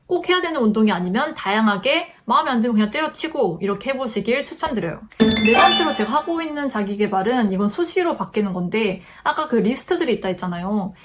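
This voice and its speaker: A young woman talks her viewers through self-improvement advice in a relaxed, chatty vlog. Her voice sits slightly high, and she is friendly and now and then acts out her own inner thoughts. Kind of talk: casual advice talk to camera.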